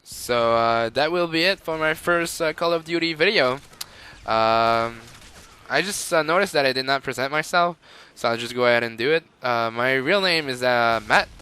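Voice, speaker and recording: Clear and resonant with a sharp edge, this medium-pitched voice belongs to a young Montreal man with a Quebec French accent. At normal speed he chats his way through casual gameplay, rambling with frequent fillers and laughter.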